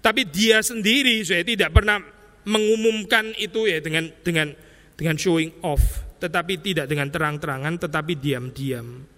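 Bright-voiced man preaching in a hall. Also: a little high, moderate pace. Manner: conversational preaching, tag words like "ya" and "saya"; mixes English terms into his preaching. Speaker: pastor. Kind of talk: expository sermon.

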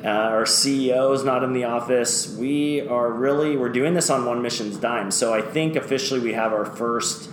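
An upbeat man hosts a casual podcast, his introductions playful and a little self-mocking. He sounds like he is in an echoey office boardroom. A steady noise hums under his voice. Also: mid-range voice, moderate pace, hardly any pauses. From United States. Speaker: podcast host. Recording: echoey room with background noise.

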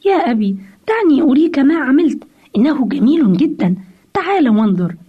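A woman's voice: high-pitched, sing-song, fairly quick. A woman voicing a pleading three-year-old boy who keeps begging his father for attention, on a dull lo-fi radio recording. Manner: begging, insistent.

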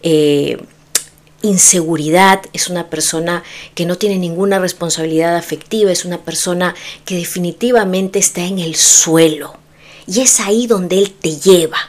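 A woman's voice: fairly low pitch, normal speed, darkish tone. A woman relationship coach giving advice straight to the listener, emphatic and full of rhetorical questions. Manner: speaks intimately to the listener as "tú". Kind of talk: direct-to-camera advice talk.

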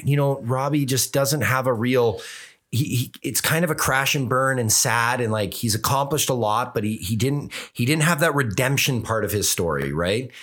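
A man's voice: medium pitch, normal speed, fairly bright tone. A middle-aged man, a filmmaker guest on a podcast, telling stories in casual chat, swearing often and mimicking the people he quotes.

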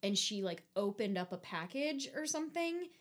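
A woman's voice: mid-range voice, sing-song, moderate pace. Chatty woman podcast co-host. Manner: chatty, many "like" fillers, acts out characters' lines. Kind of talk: casual chat reviewing a movie.

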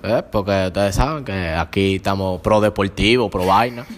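A man's voice: low voice, moderate pace. A man guest on a podcast, teasing his friends with a playful, dramatic retelling of a story. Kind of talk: casual storytelling among friends. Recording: reverberant room.

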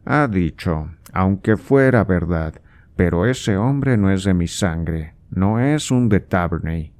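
A man puts on a sarcastic old aristocrat in an audiobook, a father who scolds and needles his grown son. The voice sits very low, slow and dark, mocking and impatient. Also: animated, exaggerated voice. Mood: coaxing. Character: scornful old male nobleman, impatient father. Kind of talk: audiobook character voice.

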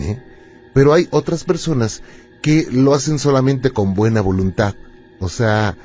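A calm male radio host who explains things patiently and tells stories at an unhurried pace. His voice sounds warm and mellow. The recording is a muffled lo-fi radio broadcast with faint music underneath. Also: on the low side. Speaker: radio host and spiritual adviser. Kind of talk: call-in radio conversation.

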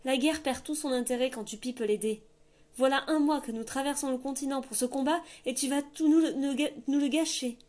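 A woman's voice: fairly high pitch, normal speed, natural voice. Brash mocking king, as a woman reads him. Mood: taunting. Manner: lively, taunting, loud.

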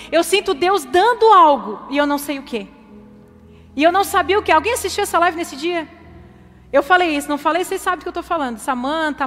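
A woman pastor preaches with a very high voice and fervent, building intensity. Her words carry a long reverb from a church hall, with soft music underneath. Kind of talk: sermon testimony.

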